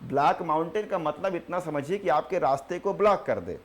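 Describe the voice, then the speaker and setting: A man teaching a geography class, repeating terms slowly for notes and answering his own questions. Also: on the high side. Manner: repeats key terms slowly for students to write.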